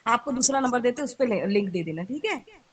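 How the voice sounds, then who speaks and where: A woman's voice: on the high side, animated, a crowd in the background. Woman sorting out a call problem. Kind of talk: casual chat on a call.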